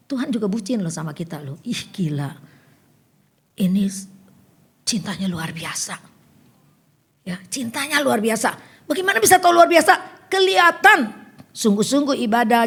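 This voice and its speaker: A woman's voice: on the high side, a bit bright, husky. An older woman preaching a sermon in a chatty storytelling way, acting out the conversations she tells.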